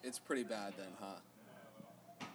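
A man making a prank phone call, talking haltingly with lots of ums. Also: on the low side. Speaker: prank caller.

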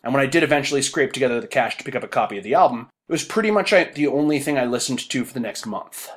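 Podcast host guy, 30s, even wry tone, reads his bit like an essay, medium pitch. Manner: measured, wry, essay-like delivery. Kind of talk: podcast talk with a written monologue.

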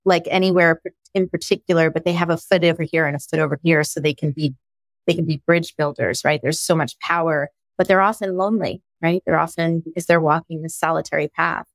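A woman host with a lowish voice asks reflective, searching questions. The sound is dry and close. She thinks aloud, often adding "right?" as she goes. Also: fairly even intonation, fairly quick, no room sound. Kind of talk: interview conversation.

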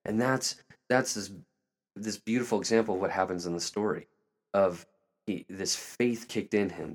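Low-voiced man musing on faith. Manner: earnest, searching, many restarts and fillers; emotional, tearing up at moments. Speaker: podcast host. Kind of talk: reflective spiritual talk.

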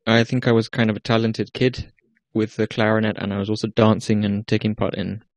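A young Icelandic-accented man speaks in a low, even voice, telling his story in a relaxed interview. He hesitates and restarts often as he searches for words. The sound is close and dry, with no room around it. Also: brisk, no echo. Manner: hesitant, many restarts and fillers. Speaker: guest musician. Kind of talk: casual interview talk.

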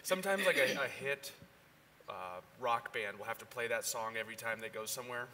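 A man, a pastor, speaking conversationally to his congregation with gentle humor. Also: medium pitch, expressive, brisk, slight background noise. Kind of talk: sermon and church announcements. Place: church hall. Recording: reverberant hall, faint ambience.

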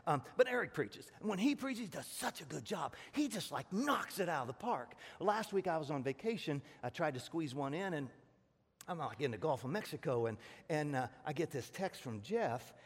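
A man's voice: on the high side, big pitch swings, moderate pace, slightly rough, big-room sound. A man preaching a sermon to his congregation in a folksy, rambling way, with jokes along the way. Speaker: pastor. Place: church sanctuary.

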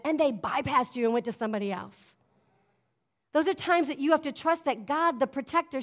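A middle-aged woman pastor preaching a sermon, emphatic and conversational, often asking her congregation "amen?". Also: high-pitched. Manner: emphatic, call-and-response preaching with frequent "amen?".

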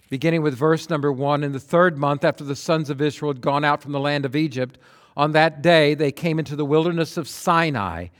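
A man preaching a sermon, reading scripture and swinging from loud, fervent emphasis to hushed near-whispers, repeating phrases for effect. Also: a little high.

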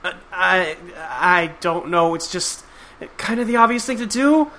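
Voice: mid-range voice, lively intonation, measured pace, pushed and bright. A reader voicing a timid young male troll who talks hesitantly and stammers politely.

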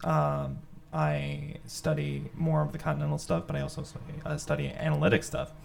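A man's voice: on the high side, flat delivery, normal speed, creaky. A young man co-hosting a podcast in casual chat, rambling and hesitant with many fillers. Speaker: podcast co-host.

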